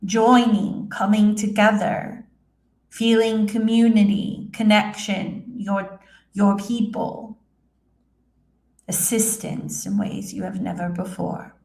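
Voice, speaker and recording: A serene female spirit guide voiced by a woman in trance speaks in the manner of a seance medium. The delivery is extremely slow and halting, with measured phrases and small hums, in a roomy, echoing space. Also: medium pitch, a little mellow. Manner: halting, solemn, measured, with hums and long pauses. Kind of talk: trance channeling, addressing listeners as a spirit.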